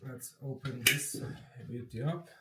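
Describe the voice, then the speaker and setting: A man talking at an unhurried, drawn-out pace, his voice stuffy and congested from a cold. He narrates a hands-on PC build in a casual, chatty way, nervously excited. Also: mid-range voice, heavy background noise. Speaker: PC building vlogger.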